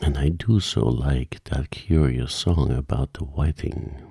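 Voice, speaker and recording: A man's voice: a bass voice, measured pace, creaky, mellow, husky, dry recording, clean studio sound, exaggerated voice. A man voicing a polite, curious young girl in a storybook, thoughtful and wondering. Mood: polite curiosity.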